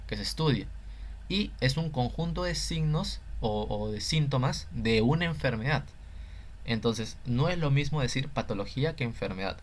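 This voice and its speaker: A man with a Peruvian Spanish accent lectures on scientific writing in an ordinary mid-range voice. He talks hesitantly, pausing on fillers and correcting himself mid-word as he explains each point. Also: mid-range voice.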